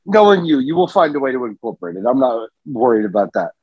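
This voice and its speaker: Podcast co-host, male, husky, lively pitch, dry close mic, playful banter. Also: fast, no echo, highs cut off. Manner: playful, joking, animated. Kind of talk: casual chat.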